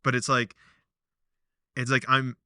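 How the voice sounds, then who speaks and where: A man's voice: on the low side, normal speed, clear, resonant tone, dry recording, studio quality. A male podcast host telling a story casually, rambling with lots of fillers. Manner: rambling, filler-heavy, animated.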